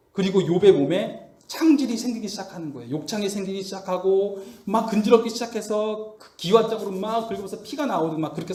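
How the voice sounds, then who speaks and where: A man preaching a storytelling sermon, animated and full of rhetorical questions. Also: high-pitched. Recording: echoey room.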